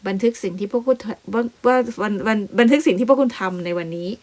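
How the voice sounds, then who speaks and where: A woman's voice: a little high, quick pace, a little mellow. A woman English teacher explaining a lesson step by step, often repeating words as she goes. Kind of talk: classroom explanation.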